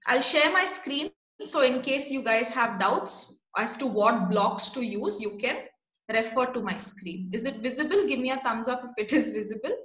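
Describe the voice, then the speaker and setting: A woman's voice: on the high side, animated, moderate pace, fairly bright tone, roomy sound. A woman teaching a class online over a video call. She is patient and checks in often with her students.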